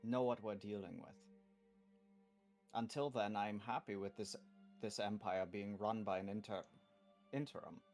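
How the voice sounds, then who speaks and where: A man improvising in character in a tabletop role-playing game, speaking in a halting, deliberate way and swearing casually. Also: lowish voice, fairly even intonation, a little mellow, faint music behind.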